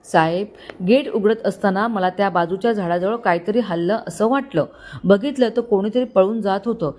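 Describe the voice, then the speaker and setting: A humble chauffeur, nervous and deferential, keeps explaining himself to his angry master, as a woman reads him. His voice stays even, pleading and careful, as in a storybook. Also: medium pitch, normal speed, close to an everyday voice.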